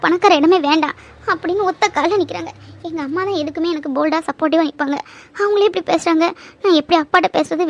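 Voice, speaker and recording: A woman's voice: extremely high pitch, creaky. Woman voicing a tearful young woman in love. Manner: pleading, tearful. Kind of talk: cartoon voice acting.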